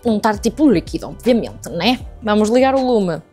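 Soft music underlies this casual cooking tutorial, where a young woman with a European Portuguese accent talks chattily to the camera from her home kitchen. Her medium-pitched voice has a dark tone and a sing-song lilt, and her pace is fairly quick.

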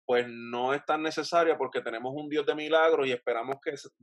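A man's voice: mid-range voice, steady tone, fairly quick, no room sound. A young Puerto Rican man hosting a video-call interview, asking long, thoughtful, winding questions from a room at home. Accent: Puerto Rican Spanish. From Puerto Rico. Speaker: host. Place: home room with bookshelves, indoors. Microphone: webcam on a video call.

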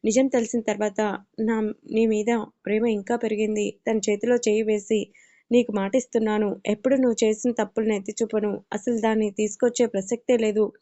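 A woman's voice: medium pitch, little pitch movement, a little fast, warm tone, dull audio, natural voice. A woman narrator voicing a devoted young man who speaks in an earnest, tender way. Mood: tenderly earnest.

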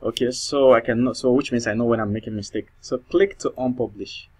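This programming tutor speaks briskly in a mid-range voice that's a little mellow and slightly rough. English isn't his native language, and his accent shows as he thinks aloud through a screen-recorded coding tutorial, frequently restarting and using fillers.

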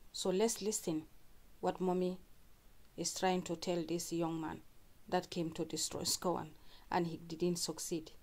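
A woman hosting a fan channel, talking viewers through church clips and repeating what was said. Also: fairly low pitch. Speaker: channel host commentator. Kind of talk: reaction commentary.

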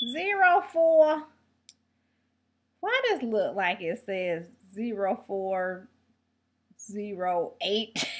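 A woman with a bright, clear voice that sits a little high talks casually to her camera at home. She rambles cheerfully from one thing to the next as a shopping vlogger. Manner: chatty, rambling storyteller with laughs. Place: home room.

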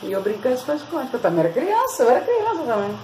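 A woman's voice: sits high, very animated, very fast, mellow, a little hiss or hum, low-quality recording. A Brazilian woman vlogger, chatting with her viewers as she tells a story and shares a hair-care tip. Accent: Brazilian Portuguese. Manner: chatty, constantly addresses viewers.

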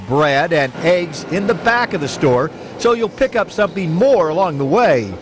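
A man's voice: fairly high pitch, lively intonation, moderate pace. A man narrating a local TV news report with a polished delivery. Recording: noisy broadcast audio.

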